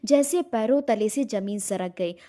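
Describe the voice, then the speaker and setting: A woman's voice: mid-range voice, a little slow, dark tone. A woman narrating an emotional family story in the first person, giving every character her own voice. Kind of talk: scripted narration.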